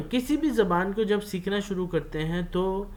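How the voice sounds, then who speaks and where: A man with a Pakistani accent giving a university classroom lecture, mixing in English phrases and pausing often on fillers. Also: high voice. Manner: mixes Urdu with English phrases, many filler pauses.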